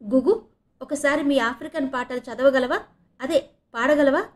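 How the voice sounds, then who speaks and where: A woman's voice: high voice, moderate pace, voice pushed up, close to an everyday voice. A woman voicing a mischievous young female student teasing her friends in an audio novel reading. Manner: laughing, teasing.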